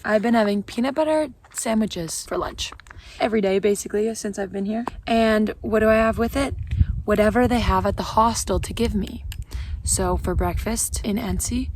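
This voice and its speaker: A young woman talking to her camera in a casual, chatty, excitable way while out on a mountain hike. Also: mid-range voice, normal speed, a little hiss or hum. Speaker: vlogger. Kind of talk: casual hiking vlog. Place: outdoors on a mountain trail.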